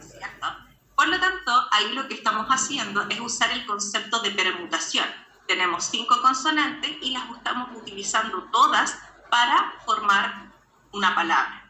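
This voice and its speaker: Bright-voiced woman teaching a math class. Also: on the high side. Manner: patient, checks understanding with frequent questions. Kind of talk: classroom lesson. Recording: echoey classroom with faint background noise.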